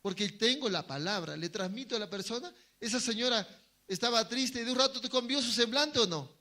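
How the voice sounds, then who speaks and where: A man's voice: very high-pitched, brisk, bright, forceful tone. A man preaching a sermon to his congregation, asking them questions and answering them himself, sometimes acting out short quoted voices. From Bolivia. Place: church hall.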